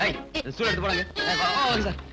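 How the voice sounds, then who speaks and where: A man's voice: high voice, racing, lightly acted, poor audio. An actor as a boisterous young fisherman. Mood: bantering. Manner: loud, bantering, excitable. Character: cheerful young fisherman laborer, boisterous, in love. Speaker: film character. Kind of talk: Tamil film dialogue. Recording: film soundtrack with loud music.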